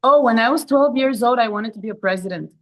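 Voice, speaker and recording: A woman's voice: on the high side, fast talker, poor audio. Hesitant woman from Bulgaria, many fillers. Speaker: guest. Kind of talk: casual interview talk.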